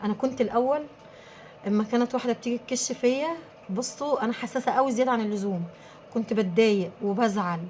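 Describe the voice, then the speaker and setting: A brisk, quick-talking Egyptian woman with a slightly high voice, coaching her viewers through business tips in a casual, emphatic way. Faint noise hums underneath. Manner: emphatic, animated storytelling. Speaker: small business owner.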